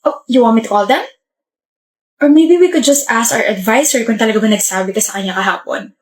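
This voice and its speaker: A woman performs a comedic skit with a somewhat high voice. Her delivery is dramatic and mock-serious, as if the stakes were enormous. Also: a little fast.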